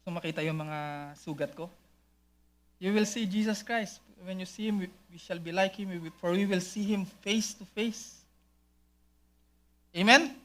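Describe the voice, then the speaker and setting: A man's voice: high-pitched, unhurried, pauses often. A male pastor preaching, switching between Filipino and English, often raising his voice for emphasis. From Philippines. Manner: mixes English into sermon, rising to loud calls. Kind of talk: sermon. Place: church.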